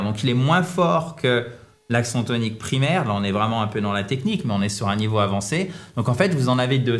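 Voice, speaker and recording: Lively male English teacher. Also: mid-range voice. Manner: lively, teasing, switches into English to prompt. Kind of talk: explaining pronunciation in French.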